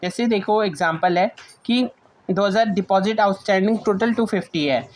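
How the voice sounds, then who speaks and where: A teacher with an Indian accent and a medium-pitched voice gives an informal lecture at a moderate pace. She goes through her notes point by point, restating them and mixing in English terms, with slight background noise behind her.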